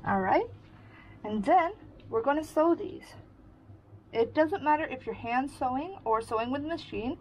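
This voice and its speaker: A woman's voice: sits high, expressive, moderate pace, pauses often, a little mellow, a little hiss or hum, low-quality recording. A woman giving a casual sewing tutorial, explaining each step in a friendly way while she works. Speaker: sewing instructor.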